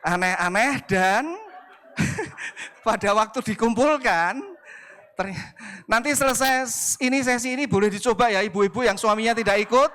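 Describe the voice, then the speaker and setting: A man's voice: high voice, moderate pace, long pauses, fairly bright tone. A male pastor with an Indonesian accent, telling humorous stories in a sermon and playfully acting out the people he quotes. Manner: playful, acts out quoted voices.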